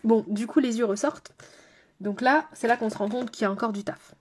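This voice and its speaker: A woman's voice: on the high side, brisk, slight background noise. A woman makeup artist talking casually through a makeup tutorial, speaking straight to her viewers with playful asides to someone off camera. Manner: chatty, addresses viewers directly.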